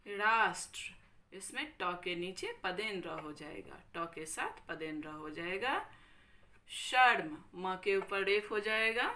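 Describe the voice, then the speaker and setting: A woman teacher with a Bihari Hindi accent giving a recorded grammar lesson, slowly repeating each word and checking in with her students. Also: medium pitch, lively intonation, pushed and bright, slight background noise. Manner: slow, careful, repeats each word and checks with "thik hai".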